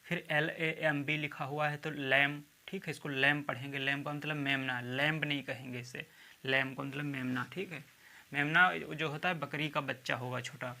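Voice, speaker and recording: Bright-voiced man teaching English spelling. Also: fairly high pitch, fairly even intonation, normal speed. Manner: repeats "theek hai" often, spells words letter by letter. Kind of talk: video lecture.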